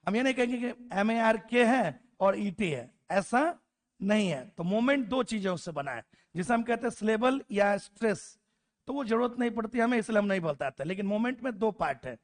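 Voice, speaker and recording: A man with a high-pitched, expressive voice lectures a class on English grammar at a normal speed. He spells out letters, calls out lists of words and teases his students.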